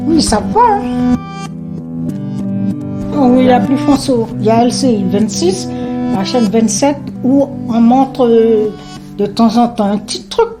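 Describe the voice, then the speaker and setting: A woman, telling her life story in a lively way and acting out what people said. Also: a little high, takes it slowly, long pauses, music in the background. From French Guiana. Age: 70s. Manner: lively storyteller who acts out remembered dialogue. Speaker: interviewee.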